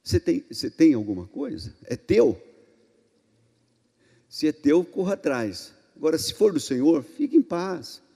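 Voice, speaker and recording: Emphatic Brazilian pastor in echoing hall. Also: male voice, on the high side, very animated, a little slow, creaky, long pauses. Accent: Brazilian Portuguese. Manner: emphatic, swinging between loud and hushed. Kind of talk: sermon. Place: church hall. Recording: long reverb in a church hall.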